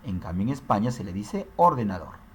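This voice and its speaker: A man's voice: on the low side, very animated, brisk, darkish tone, slight background noise. A man teaching a recorded language lesson, explaining step by step and often tagging his sentences with questions. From Peru. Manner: explanatory, frequent tag questions.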